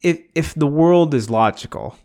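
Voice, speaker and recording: A man's voice: fairly high pitch, lively intonation, moderate pace, darkish tone. A man co-hosting a podcast in casual chat. He rambles and muses aloud, restarting often and filling his talk with "like.". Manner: rambling, musing, full of "like" and restarts. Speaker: podcast co-host.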